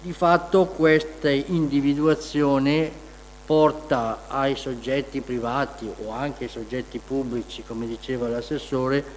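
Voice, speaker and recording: A man's voice: mid-range voice, fairly even intonation, takes it slowly. Masked man explaining in a reverberant hall. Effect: voice through a face mask. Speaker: municipal engineer presenting to a town council. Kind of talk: formal technical explanation at a public meeting. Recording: noisy, reverberant meeting hall.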